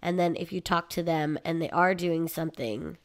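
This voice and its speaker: A woman's voice: low voice, fairly even intonation, normal speed. A woman giving casual, chatty commentary on her gameplay, explaining as she goes with frequent ums. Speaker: let's play gamer.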